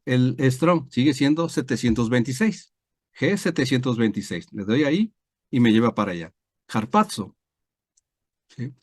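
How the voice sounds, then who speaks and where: A pastor teaching a Bible study over a video call, explaining step by step with many fillers and tag questions. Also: male voice, mid-range voice, no room sound, clean studio sound. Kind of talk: online screen-share Bible lesson.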